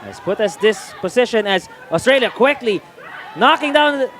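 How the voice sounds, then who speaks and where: A man's voice: sits high, animated, normal speed. A man calling the play-by-play of a live outdoor match, his voice rising as the plays unfold. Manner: calls the action, rising when plays happen. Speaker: play-by-play commentator. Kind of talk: live sports commentary. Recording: loud crowd and outdoor noise behind.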